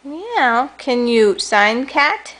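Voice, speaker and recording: A young mother at home, speaking slowly and patiently to her toddler. Her pitch rises and falls in a lively sing-song as she repeats short questions and praise. The style is a home video of a parent coaching a small child. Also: noisy background. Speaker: mother teaching her toddler baby sign language.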